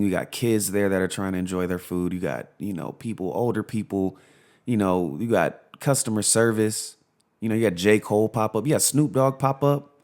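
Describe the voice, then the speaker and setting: A man with a fairly low voice hosts his own casual talk show alone at home. He rambles, circles back to the same phrases and swears freely. A lingering cough leaves him a little hoarse. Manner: rambling and animated, repeats himself, swears. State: has a cough. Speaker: radio show host. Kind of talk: casual solo commentary.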